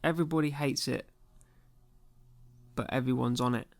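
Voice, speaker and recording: A man's voice: medium pitch, steady tone, normal speed, vocal fry. A young man ranting casually and sarcastically as a podcast host, full of slang and exasperation. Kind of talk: casual comedic rant.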